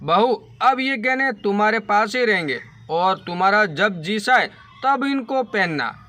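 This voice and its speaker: Firm, fair-minded father-in-law, read by a man, bright tone. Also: high voice, expressive, measured pace, full character voice. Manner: firm, authoritative.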